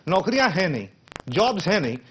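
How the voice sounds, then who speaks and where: A man's voice: high-pitched, big pitch swings, racing, breathy edge. A man with an Indian accent in a heated TV news debate, emphatic, counting off points and repeating himself.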